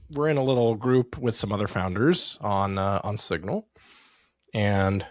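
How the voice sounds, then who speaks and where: A man's voice: mid-range voice, dry recording, clean studio sound. An American man co-hosting a casual podcast, rambling and correcting himself as he talks. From United States. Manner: rambling, self-correcting, chuckles often. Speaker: podcast co-host. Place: home setup in the San Francisco Bay Area.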